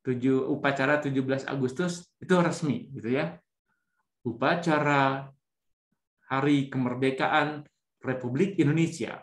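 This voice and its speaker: A man leading an online public speaking class, talking in a loose, chatty way and nudging students to try, with tag questions at the ends of his sentences. His voice sits at an ordinary middle pitch and sounds roomy, with a clear echo around it. The sound comes through a video call microphone. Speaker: extracurricular public speaking teacher. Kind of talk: live online class teaching.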